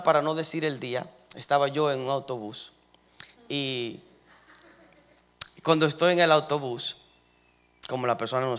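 A man's voice: mid-range voice, bright, forceful tone. A young man preaching as pastor of his congregation, telling everyday stories with many fillers and building emphasis. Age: young adult. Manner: conversational storytelling, many fillers and rising emphasis. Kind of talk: sermon.

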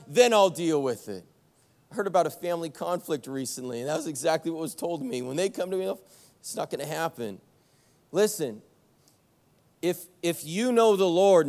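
A young adult male pastor preaching a sermon, telling a story with animated back-and-forth and poking fun at himself. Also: a little high, big-room sound. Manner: animated storytelling, acts out both sides of an argument, self-mocking. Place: church sanctuary.

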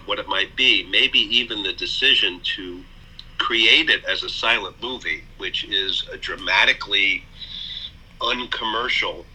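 Low, bright-voiced man, measured and hesitant. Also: husky, poor audio. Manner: measured, hesitant, many fillers. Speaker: author and college president, guest. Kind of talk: thoughtful interview talk.

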